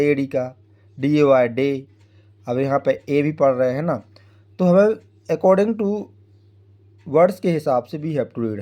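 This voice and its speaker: A man's voice: on the high side, dark tone. Patient man spelling words out letter by letter. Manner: frequent tag "है ना" checking with the viewer. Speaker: English teacher. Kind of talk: Hindi-language English phonics lesson.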